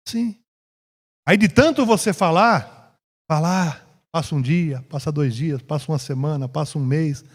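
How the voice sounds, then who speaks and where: A man with a Brazilian Portuguese accent teaching a Bible class in a church, slow and drawn out, rising to emphasis when reading scripture. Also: sits high. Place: church hall. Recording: echoey church hall.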